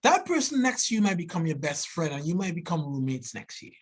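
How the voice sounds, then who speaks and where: He's a man in his forties from Trinidad and Tobago, talking fairly quickly in a slightly rough, somewhat high voice. As a biology professor giving a seminar, he is eager and sincere, with a thick local accent, repeated restarts, and a habitual "right?"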